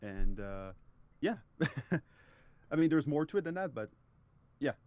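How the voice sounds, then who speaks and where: A man guest on a casual podcast talks thoughtfully and at great length, restarting his sentences often. His voice is slightly high, very animated and slow-paced, with a darkish tone, and the recording has no room sound.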